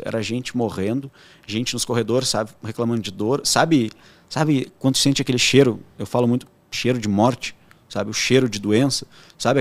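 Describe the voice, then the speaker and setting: A young man with a southern Brazilian accent, a podcast guest telling a story casually and acting out the voices of the people in it. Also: medium pitch. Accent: southern Brazilian, Rio Grande do Sul. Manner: animated storyteller acting out quoted dialogue.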